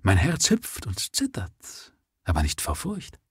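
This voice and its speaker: A man's voice: medium pitch, wildly swooping pitch, takes it slowly, slightly rough, dry recording, studio quality, voice pushed up, exaggerated voice. A man voicing a frenzied male writer who bursts into wild, exultant exclamations. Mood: exalted. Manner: wild exclamations, rising to shouts.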